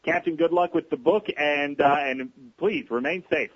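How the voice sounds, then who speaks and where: Radio host man, slightly high voice. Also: normal speed, husky, muffled recording. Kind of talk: radio interview.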